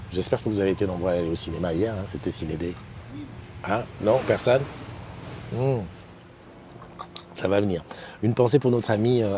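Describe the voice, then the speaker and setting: A man with a very low voice hosts an easygoing live morning stream and chats to his viewers. He talks haltingly, with constant fillers and restarts. The recording is noisy, with passing vehicles clearly audible behind him. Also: mellow. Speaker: morning show host. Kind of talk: casual live-stream chat, reading viewer comments. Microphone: desk microphone.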